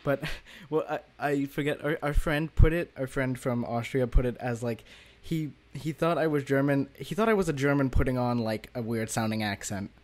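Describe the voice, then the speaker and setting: A man's voice: mid-range voice, normal speed, a little mellow. A man co-hosting a language-learning podcast, talking casually and rambling, often laughing. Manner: chatty, rambling, laughs easily. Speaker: podcast co-host. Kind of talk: casual chat.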